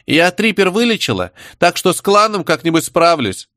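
A man voicing a sly, brash young savage girl stirring up a crowd, shrill and cocky. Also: sing-song, moderate pace, sharp tone, no echo, clean studio sound, heavily acted. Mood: cheeky. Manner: shrill, cocky, rabble-rousing.

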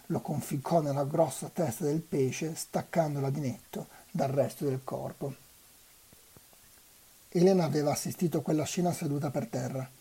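Dark, husky novel reader. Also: medium pitch. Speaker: volunteer reader. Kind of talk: reading a novel aloud.

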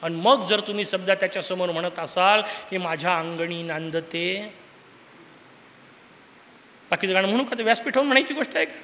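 A man's voice: high-pitched, fast talker, few pauses, pushed and bright, slight background noise. A man giving a devotional discourse to an audience, telling a story with humor, rhetorical questions and sudden emphatic bursts, with a Marathi accent. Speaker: preacher of a discourse series. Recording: hall with long reverb.

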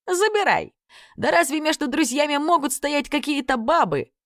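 A woman's voice: sits high, animated, moderate pace, no room sound, studio quality, pitched above the performer's own voice. A woman voicing a chatty, self-pitying two-headed male serpent who talks in a wheedling, overfamiliar way. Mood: boastful.

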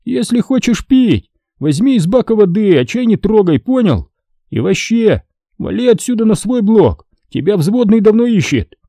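A man voicing a hot-tempered young soldier who scolds and shouts coarse insults. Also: high voice, very animated, normal speed, no echo, clean studio sound, voice pushed up, full character voice. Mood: angry.

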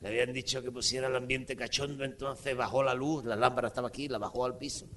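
Un humorista mexicano que cuenta un chiste largo en un espectáculo en vivo, con muchas groserías y energía. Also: male voice, medium pitch, fast, a little hiss or hum. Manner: profane, rowdy, animated. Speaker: stand-up comedian. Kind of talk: crude live stand-up storytelling.

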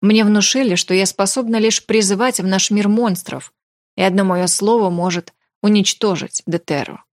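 A woman narrating a romance fantasy audiobook in an even, measured reading. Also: mid-range voice, no echo, clean studio sound.

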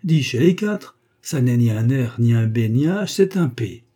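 A man voicing a sharp-tongued, impatient bourgeois wife who scolds loudly in a raised, husky voice. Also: medium pitch, animated, moderate pace, natural voice. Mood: scornful. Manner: loud, scornful and exclaiming.

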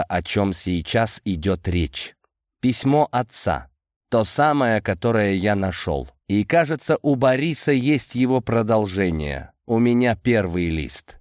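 A man with a fairly low voice tells a first-person audiobook story at a steady, measured pace. The recording is dry and close-miked. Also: no echo. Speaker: audiobook narrator. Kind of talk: scripted first-person narration.

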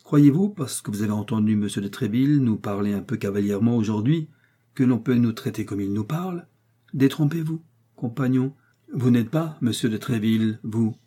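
A man's voice: mid-range voice, normal speed, dark tone, natural voice. A man reading an audiobook, voicing a proud, wounded male musketeer who speaks with haughty menace. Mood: scornful.

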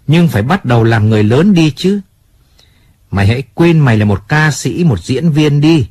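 A man voicing a calm, businesslike male family adviser in an audiobook, speaking firmly and plainly. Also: mid-range voice, slightly rough. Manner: measured, firm, businesslike.

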